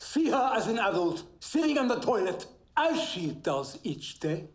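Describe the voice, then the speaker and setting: A man's voice: high-pitched, big pitch swings, unhurried, very noisy. An intense philosopher pushing his patient on. His voice swings widely and grows insistent. The sound is roomy. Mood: coaxing. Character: intense male philosopher acting as therapist. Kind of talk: film drama acting.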